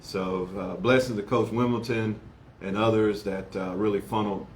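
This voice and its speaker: A man from Houston speaks in a lowish voice as a guest author in a casual interview. He is folksy, proud and laughs easily. A faint noise runs under the recording. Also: steady tone, normal speed. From Houston, Texas.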